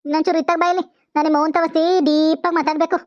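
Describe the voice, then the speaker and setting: A woman's voice: high-pitched, flat delivery, rapid-fire, dry recording, highs cut off, natural voice. A woman voicing a sly young son-in-law who teases in a mock-innocent way in a cartoon. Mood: teasing. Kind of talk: cartoon voice acting.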